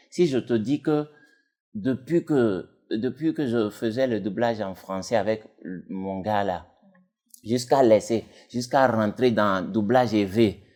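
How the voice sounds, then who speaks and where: Deep-voiced man. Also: a little mellow. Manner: rambling, many fillers and restarts. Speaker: dubbing actor and technician, guest. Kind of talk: casual interview talk.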